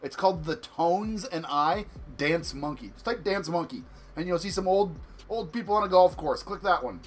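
A man's voice: high-pitched, animated, moderate pace, slight background noise. Rambling, swearing home grower man. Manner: rambling, swears constantly, laughs often. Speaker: home grow vlogger. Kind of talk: casual livestream chat.

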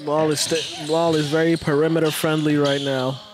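A man's voice: on the high side, flat delivery, moderate pace. A man giving casual, playful live commentary on a basketball game in an indoor school gym, recorded on a camera mic from the stands. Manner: playful, offhand, makes up sound words. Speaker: amateur play-by-play commentator. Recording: noisy gym audio, ball bounces.

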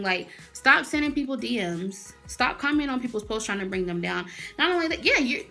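A woman's voice: medium pitch, bright, forceful tone. A woman in her early twenties, talking straight to camera in a blunt, fired-up, swearing casual rant from a small room. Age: early 20s. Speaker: vlogger.

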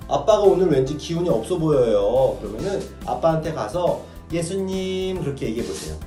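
A man, a priest, reads a gospel passage slowly and solemnly, then talks gently to children. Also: a little high, roomy sound, far from the mic. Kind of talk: gospel reading and children's homily.

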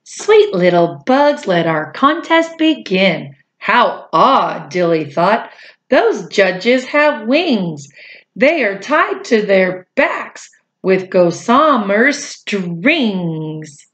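A medium-pitched woman, middle-aged, reads a picture book to young children in a small indoor room at home, captured with lo-fi sound. Her delivery is expressive and drawn out, broken up by chatty asides.

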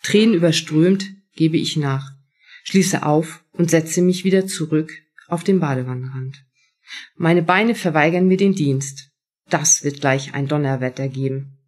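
A woman's voice: sits low, a little mellow. A woman author reading first-person prose from her own novel at a live event.

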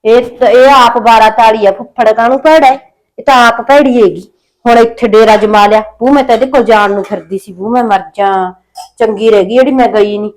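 A woman's voice: very high voice, fast talker, a bit bright. An actress playing a put-upon young daughter-in-law with a Punjabi accent, who grumbles under her breath and answers back sharply. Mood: grumbling. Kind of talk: village short film acting.

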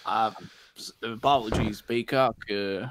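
A man's voice: lowish voice, steady tone, a little slow, slight background noise. A man playing a bumbling cowboy outlaw in a wheelchair in an improvised comedy sketch, flustered and laughing. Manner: flustered, laughing, yelling when pestered. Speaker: comedy podcast performer.

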